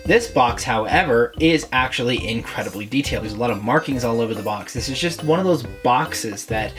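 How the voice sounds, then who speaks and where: A man's voice: mid-range voice, expressive, fairly quick, fairly bright tone, faint music behind. A man hosting a casual toy review, talking in a chatty, rambling, self-deprecating way.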